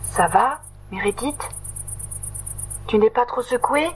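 Little male mouse, kind, touchy, high and stammering; storybook; woman voices him. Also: expressive, takes it slowly, soft background music, poor audio. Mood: relieved. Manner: high, timid, stammering when scared.

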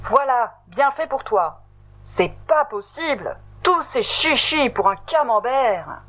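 Little male mouse, kind, touchy, high and stammering; storybook; woman voices him. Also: lively intonation, takes it slowly, noisy background. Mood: cross. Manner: high, timid, stammering when scared.

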